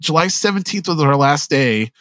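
Bright-voiced middle-aged man, candid and joking. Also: fairly high pitch, expressive, normal speed, no echo. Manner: rambling, self-deprecating, joking storyteller with frequent restarts. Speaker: line producer, guest. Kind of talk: candid podcast interview chat.

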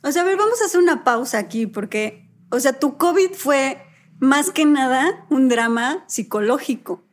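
A woman's voice: high voice, expressive, normal speed, a little hiss or hum. A woman hosting a casual interview, teasing her guest with prodding questions and laughing easily. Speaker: host.

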